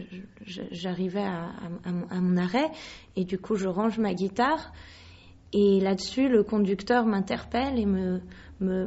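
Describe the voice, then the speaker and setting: Young woman from paris, singer guest, halting speech, many pauses, slightly dull recording. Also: medium pitch, mellow, a little hiss or hum. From Paris, France. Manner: hesitant, searching for words. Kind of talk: radio interview.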